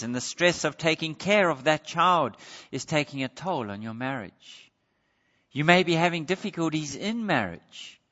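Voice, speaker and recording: A man preaching a sermon, earnest, moving between quiet pleading and raised emphasis. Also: a little high. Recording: dull lo-fi sound with long hall reverb.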